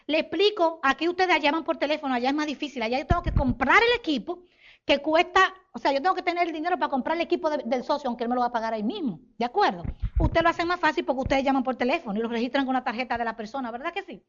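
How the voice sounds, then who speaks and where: A woman from the Republic, giving an animated business talk to an audience and acting out sales conversations. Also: high voice, rapid-fire, dull audio. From Dominican Republic. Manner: animated, acts out sales dialogues, addresses audience as señores. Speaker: network marketing business speaker.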